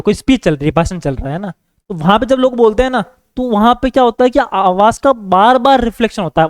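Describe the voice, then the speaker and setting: A man with a Hindi accent giving a classroom science lecture, asking his students questions and repeating key words, slowing down to read definitions. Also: high voice, no room sound. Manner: repetitive, asks students questions; reads English definitions slowly. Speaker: teacher.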